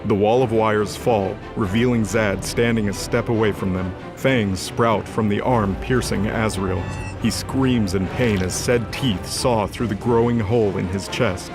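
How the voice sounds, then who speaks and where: A man with a fairly low voice narrates a fantasy audio drama. He reads scripted action in a dramatic storytelling style, with music clearly underneath. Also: fairly even intonation, a little slow.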